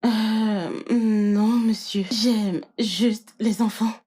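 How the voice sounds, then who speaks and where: A woman dubbing a polite, apologetic job applicant in a French film dub, soothing and gentle with a crying baby. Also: on the high side, fairly even intonation, very slow, breathy edge. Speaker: nanny applicant.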